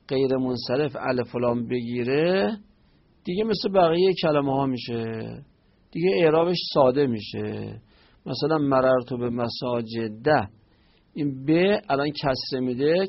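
A man's voice: medium pitch, creaky, slightly rough, dull audio. A man teaching a grammar lesson, explaining step by step and raising questions, then answering them himself. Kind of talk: Arabic grammar lesson on Quranic verses.

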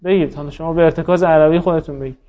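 Higher-voiced man teaching a grammar class, patient, quizzes students, dull lo-fi sound. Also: fairly even intonation. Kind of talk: classroom lesson, drilling students.

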